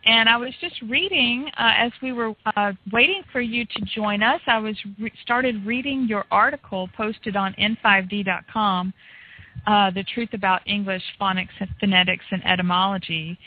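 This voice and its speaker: A woman's voice: medium pitch, moderate pace. A woman hosting a casual talk show, playful, reading aloud and laughing easily. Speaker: host. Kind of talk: casual internet radio talk. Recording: tinny phone-line audio.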